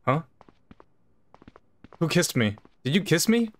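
A woman's voice: deep voice, very animated, slow. A woman hosting a gaming channel, giving casual, sarcastic and bemused commentary and laughing often.

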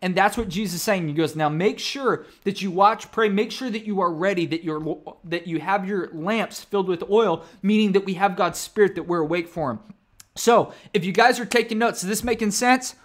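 A man's voice: high-pitched, moderate pace. A male pastor in his thirties giving a casual livestream sermon, chatty and often asking the audience questions. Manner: conversational, asks the audience questions.

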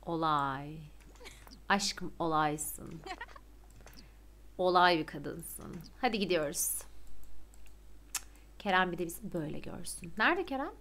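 A young woman streaming a life-sim game, chatting excitedly and gushing to her viewers. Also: fairly low pitch, moderate pace, slight background noise. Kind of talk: casual gameplay commentary.

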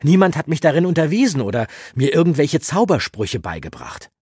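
A man voicing an impatient, headstrong young male farm boy in an audiobook, pleading and insistent in a pitched-up voice. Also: big pitch swings, brisk, a little mellow, breathy edge, dry recording, clean studio sound. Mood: agitated. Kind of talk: audiobook character reading.

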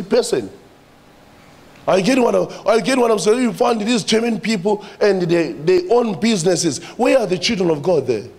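A man's voice: high voice, darkish tone, a little hiss or hum. A man with a South African accent preaching a sermon, addressing the church and repeating his phrases for emphasis.

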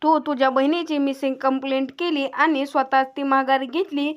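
A woman voicing a furious, suspicious young husband in a retold TV serial, read in a flat way. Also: high voice, normal speed, lightly acted. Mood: angry. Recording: dull lo-fi recording.

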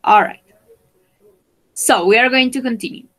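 Woman teaching english slowly, careful steady voice, asks the class lots of questions. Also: on the high side, low-quality recording. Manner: slow, careful, switching between English and Spanish. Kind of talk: online bilingual lesson.

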